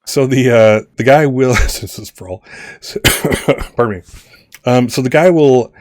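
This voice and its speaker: A man's voice: mid-range voice, unhurried, darkish tone, no echo. A man narrating as game master, rambling with many restarts.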